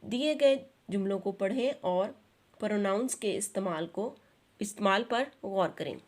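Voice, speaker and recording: A woman teacher giving an online lesson. She reads English sentences aloud slowly, explains them in Urdu, and spells words out letter by letter. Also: mid-range voice, darkish tone.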